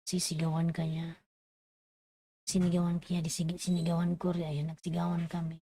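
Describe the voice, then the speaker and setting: A woman's voice: lowish voice, completely flat delivery, normal speed, dark tone, no echo, studio quality. Sleepy Filipina woman on livestream. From Philippines. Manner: tired, drowsy, sign-off chatter. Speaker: livestream vlogger. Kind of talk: casual livestream chat. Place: UAE.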